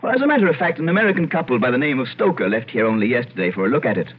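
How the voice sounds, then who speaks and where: An actor playing an idle, genteel gentleman in an old-time radio drama, polite, theatrical and given to digression. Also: medium pitch, very animated, rapid-fire, a little hiss or hum, close to an everyday voice. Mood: breezy, assured. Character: idle, genteel Irish gentleman narrating his eerie tale. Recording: tinny narrowband old radio broadcast.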